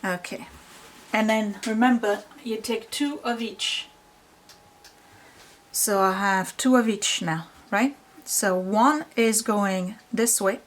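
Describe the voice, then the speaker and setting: A woman's voice: medium pitch, slow. A woman hosting a casual hands-on quilting tutorial, explaining step by step, with machine noise behind her voice. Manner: explains step by step, checking understanding. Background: sewing machine noise.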